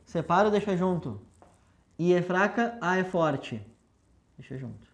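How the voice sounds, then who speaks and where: A woman's voice: lowish voice, expressive, measured pace. Patient woman teacher. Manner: patient, explains step by step with rhetorical questions; affectionate toward students. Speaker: language teacher. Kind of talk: recorded video lesson at a whiteboard.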